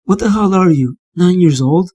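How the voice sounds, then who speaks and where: A man's voice: high voice, lively intonation, moderate pace, mellow, breathy edge, dry recording. A man voicing a brusque, impatient surgeon who barks orders and snipes sarcastically. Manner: barking, sarcastic.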